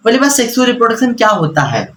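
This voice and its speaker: A man's voice: extremely high pitch, very animated, very fast, fairly bright tone, a little hiss or hum, rough recording. A young man teaching a class in a chatty, lecturing way, mixing English words into his explanations.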